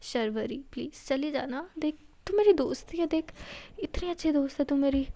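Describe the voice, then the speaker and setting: महिला द्वारा तुनकमिज़ाज कॉलेज की लड़की. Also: female voice, high voice, sing-song, brisk, dry recording. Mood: pleading. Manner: wheedling, then shouting. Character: moody college girl who pleads then snaps.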